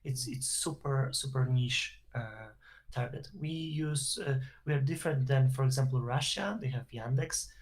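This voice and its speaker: A man's voice: medium pitch, moderate pace. A man with a Polish accent, a guest on an online interview, explaining at length with fillers and restarts over a video call. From Poland. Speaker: interview guest, SEO professional.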